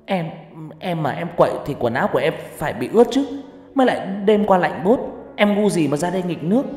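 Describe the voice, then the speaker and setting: A man's voice: mid-range voice, animated, roomy sound, big-room sound, close to an everyday voice. A man voicing a frightened young boy who stammers and pleads his innocence. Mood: pleading, defensive. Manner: stammering, pleading, quick and defensive. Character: frightened defensive boy Nam.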